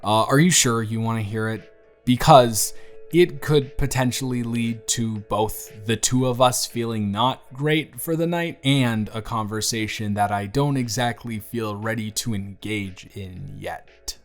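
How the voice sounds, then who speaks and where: A man plays a bruised, self-deprecating teenage boy confiding in his best friend in an intimate audio roleplay. He's hesitant and evasive, gently wry and conversational, with a natural, unhurried, medium-pitched voice. Soft music plays behind him.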